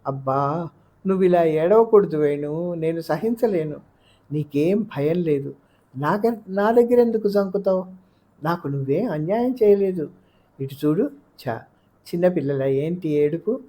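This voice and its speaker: A woman's voice: lowish voice, expressive, unhurried, dark tone. A woman reading the part of a bewildered, anxious young man, pressing with urgent questions in an audiobook. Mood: consoling. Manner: pleading, rising urgent questions.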